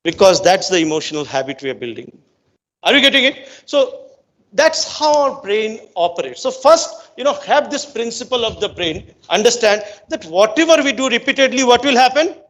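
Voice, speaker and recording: A man's voice: very high-pitched, very animated, normal speed, a bit bright. A man with an Indian accent giving a motivational educational talk to students, emphatic and repetitive, often checking in with rhetorical questions. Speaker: brain-based coach giving a talk to students. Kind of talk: motivational educational lecture with storytelling.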